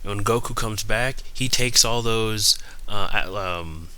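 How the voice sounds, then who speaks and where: A man giving casual, unscripted commentary, rambling and haltingly backtracking, with slightly numb-mouthed articulation. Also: on the low side, pushed and bright, clean tone. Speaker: YouTube video host.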